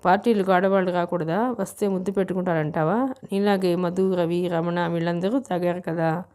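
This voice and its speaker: Storybook voice: curt, sharp young woman, low mellow tone read by a woman. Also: fairly even intonation, normal speed, close to an everyday voice. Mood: angry. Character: angry young woman standing her ground.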